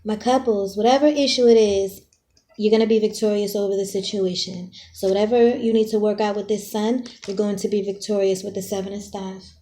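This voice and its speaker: A woman's voice: medium pitch, steady tone, fairly quick, dark tone. A woman doing a casual tarot reading for her viewers. She is chatty and direct, uses playful slang, and keeps checking in with "okay?". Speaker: tarot reader.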